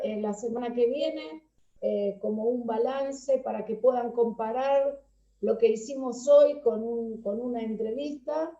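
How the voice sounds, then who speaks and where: A woman teaching an online workshop, unhurried and hesitant, full of fillers. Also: on the high side, dark tone. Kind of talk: online class talk. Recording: dull, echoey room sound.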